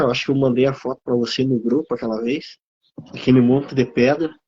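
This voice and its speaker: A man's voice: a little high, breathy edge, dull audio. A man giving an emotional testimony on a live theology talk, preaching in rising waves of emphasis. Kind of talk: impassioned testimony.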